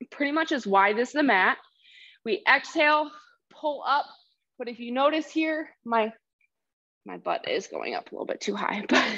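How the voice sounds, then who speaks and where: A woman's voice: a little high, fairly bright tone, highs cut off. A woman fitness coach giving workout cues and counting down sets, a little out of breath. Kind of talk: workout instruction. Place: exercise space.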